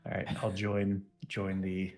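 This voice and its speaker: A man's voice: sits low, completely flat delivery, slow, a little mellow, soft background music. A man playing a tabletop game, teasing the others and joking in and out of character. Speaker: player.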